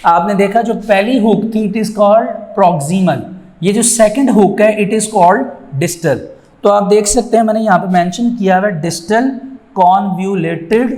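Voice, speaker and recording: A man teaching a biology lecture over a diagram. He slips English terms into his Urdu and repeats each key term slowly. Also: high voice, darkish tone.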